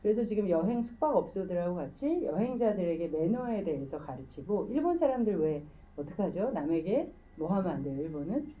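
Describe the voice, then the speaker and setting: A woman's voice: lowish voice, sing-song, a little fast, few pauses, mellow, recorded from a distance, low-quality recording. A woman giving a public lecture in a conversational, storytelling way, often asking the audience questions. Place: lecture room.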